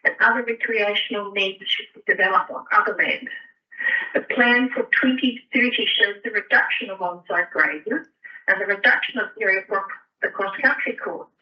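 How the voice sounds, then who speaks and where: A woman, heard over a phone on speakerphone, reading a prepared statement in an earnest, steady way with small hesitations. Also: on the high side, recorded from a distance, lo-fi sound. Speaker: member of the public making a submission. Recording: speakerphone heard from across a meeting room.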